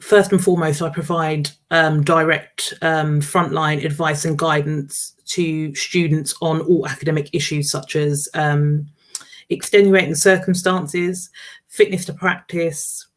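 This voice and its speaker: A woman's voice: low voice, fairly even intonation, unhurried. A woman in her thirties, a senior student advisor, giving a friendly, casual self-introduction with many ums. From Jamaica and Nigeria.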